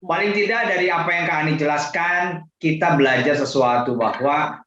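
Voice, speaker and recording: A man's voice: a little high, normal speed, sharp tone, reverberant, highs cut off. A man moderating a conference talk show and affirmingly summarizing what the speaker said.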